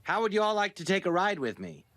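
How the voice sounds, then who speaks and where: An actor voicing a smug, awkwardly suave rich ex-suitor in a cartoon. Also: male voice, sits high, sing-song, fast talker, very noisy. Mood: smarmy. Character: smug rich nerdy ex-suitor, middle-aged man.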